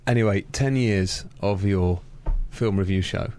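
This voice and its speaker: A man's voice: lowish voice, a little slow, a little mellow, slight background noise. A man hosting and interviewing on radio in a casual, chatty style.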